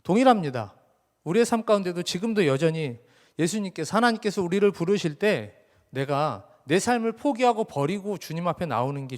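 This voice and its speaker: A young man preaching a sermon as pastor in a conversational way, speaking directly to his congregation in a church sanctuary. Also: sits high. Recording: reverberant church hall.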